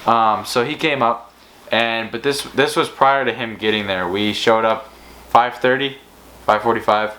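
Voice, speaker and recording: A man's voice: medium pitch, fairly even intonation, measured pace, bright, forceful tone, poor audio. A man co-hosting a fishing channel, telling stories in a casual, rambling way with many restarts. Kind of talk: casual storytelling chat.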